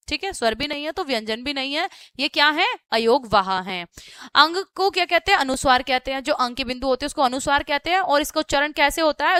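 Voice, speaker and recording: A woman's voice: high-pitched, bright, forceful tone, no echo. A woman teaching a grammar lesson to children, explaining step by step, asking questions and then answering them herself, often checking in with "okay". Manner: repeats "ठीक है" often as a check-in; sounds out words letter by letter. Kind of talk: classroom-style grammar lesson.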